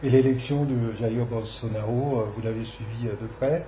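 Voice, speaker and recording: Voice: medium pitch, steady tone, normal speed, warm tone, slight background noise. A radio interviewer who asks questions hesitantly, with many fillers.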